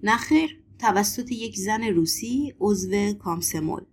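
A woman voicing a mysterious foreign man who talks in a calm, assured and cryptic way in an audiobook. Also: mid-range voice, slight background noise, close to an everyday voice.

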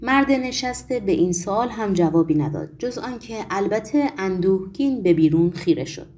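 A woman reading a novel aloud with lively, expressive intonation. Her voice is mellow and soft-toned, with a measured storytelling delivery. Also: medium pitch. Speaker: audiobook narrator. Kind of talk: scripted audiobook narration.

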